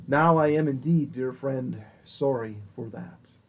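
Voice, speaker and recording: A man voicing a repentant male king who speaks in a measured, confessional way in an audiobook reading. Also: medium pitch, rough recording. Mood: rueful. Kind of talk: audiobook character voice.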